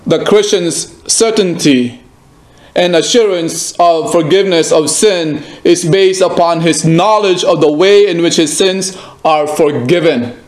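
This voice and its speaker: Slow, high-voiced male preacher. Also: darkish tone. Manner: emphatic, repeats phrases, asks the listener direct questions. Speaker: pastor. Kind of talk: sermon. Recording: echoey room.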